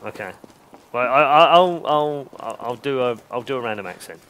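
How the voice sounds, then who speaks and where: Lively esports commentator. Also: male voice, mid-range voice, normal speed, clean tone. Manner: joking, teasing, excitable banter.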